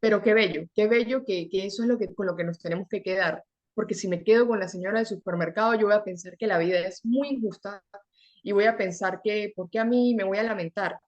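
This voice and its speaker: A young adult woman from Venezuela, a guest in an interview, telling her story in an earnest, animated way, often repeating words for emphasis. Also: medium pitch, brisk, lo-fi sound. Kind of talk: conversational interview.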